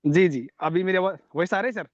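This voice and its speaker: A man's voice: sits high, fairly quick. A man on an online group meeting whose connection keeps dropping out, so his voice cuts in and out while he checks whether he can be heard. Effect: call dropping out, voice cutting in and out. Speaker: participant in an online sales meeting. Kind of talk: casual group video call. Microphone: video call. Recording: dull lo-fi call audio.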